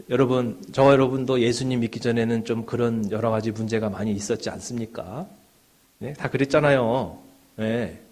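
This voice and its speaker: A middle-aged man, a pastor, preaching a sermon in a conversational way, with rhetorical questions and frequent affirming fillers. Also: medium pitch. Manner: rhetorical questions, rising and falling in loudness.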